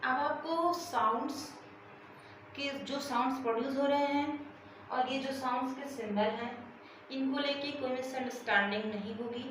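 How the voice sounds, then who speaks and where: A woman's voice: high-pitched, steady tone, moderate pace, fairly bright tone, a little hiss or hum. A woman English teacher giving a classroom-style phonetics lesson, drilling sounds by asking questions and answering them herself. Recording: very echoey room, voice heard from a distance.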